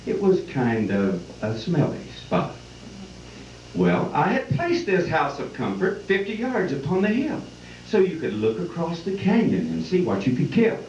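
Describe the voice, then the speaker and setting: A man's voice: fairly high pitch, huge pitch swings, measured pace, darkish tone. Folksy cowboy drawl, man, echoey distant recording. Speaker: event host and cowboy poet. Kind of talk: folksy live comic poem recital and announcing. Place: live benefit event before an audience. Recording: distant, echoey, muffled live hall with noise.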